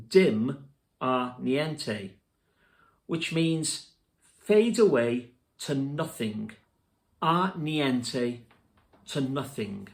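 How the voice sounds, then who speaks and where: A man teaching music theory, spelling out terms letter by letter in a slow, deliberate lesson narration. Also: mid-range voice.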